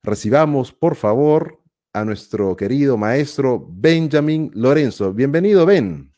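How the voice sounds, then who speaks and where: A man hosting a live-stream interview, enthusiastic and quick to exclaim in wonder. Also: medium pitch, lively intonation, mellow. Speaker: host.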